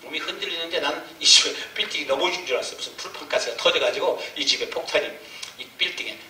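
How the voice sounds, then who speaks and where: A man preaching in a church, telling his story with strong emotion and acting out his prayers. His voice is very bright and slightly raised, and it carries through a roomy hall. He is picked up from a distance, with faint noise behind him. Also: fairly high pitch, fast talker. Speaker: missionary preacher. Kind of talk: sermon testimony. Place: church sanctuary. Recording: echoey church from far off.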